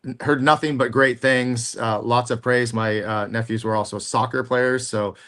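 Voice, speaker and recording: A man's voice: mid-range voice, steady tone, normal speed, fairly bright tone. A man hosting a podcast interview, asking questions in an upbeat, encouraging way. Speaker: podcast host. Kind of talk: casual interview.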